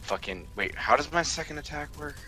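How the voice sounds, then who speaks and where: A man's voice: fairly high pitch, lively intonation, fairly quick, sharp tone, slight background noise. A man playing in a tabletop role-playing game, talking casually and swearing often. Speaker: player. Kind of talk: casual tabletop gaming chat.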